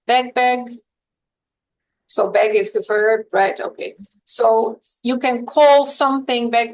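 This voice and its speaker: A woman's voice: fairly high pitch, poor audio. Woman explaining like a lecturer. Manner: measured, lecturing, with fillers. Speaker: linguistics professor and guest. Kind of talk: explanatory interview talk.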